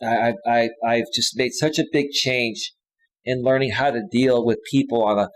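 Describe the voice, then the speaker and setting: A man in his forties talks off the cuff on his own live stream, looping back and restarting his sentences. His voice sits at an ordinary middle pitch. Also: fairly even intonation, normal speed, low-quality recording. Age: 40s. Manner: rambling, with frequent restarts and fillers. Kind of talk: casual live stream talk.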